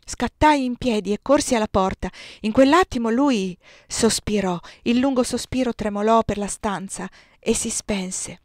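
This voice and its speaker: A woman reading a novel aloud in a measured, expressive narration. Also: on the high side, no echo, clean studio sound. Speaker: audiobook reader.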